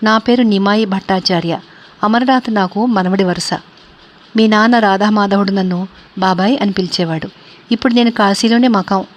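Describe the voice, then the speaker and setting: A woman's voice: medium pitch, moderate pace, natural voice. A woman reading the part of a stern old man who lectures and reproaches. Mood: chatty.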